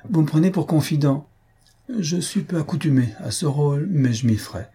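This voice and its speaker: A man voicing a vain, foppish young gentleman who talks in an affected, mocking, chatty way. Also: on the high side, animated, moderate pace, breathy edge, pitched above the performer's own voice.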